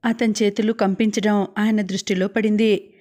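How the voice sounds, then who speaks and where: A woman narrates a novel for an audiobook at a steady storytelling pace. Her pitch sits in the middle and stays flat, with very little melody. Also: normal speed. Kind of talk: novel reading.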